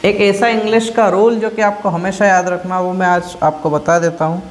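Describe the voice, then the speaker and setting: A man's voice: high voice, level tone, moderate pace. A man teaching an English grammar lesson at a board, often checking in with "ठीक है?" and asking questions he then answers himself. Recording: echoey room.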